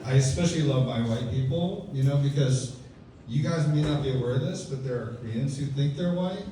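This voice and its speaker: A Texan man in his fifties performs stand-up on a comedy club stage, telling dry, self-deprecating stories with lots of casual fillers. His mid-range voice is brisk against a noisy background of audience laughter, captured by a distant mic in echoey club audio.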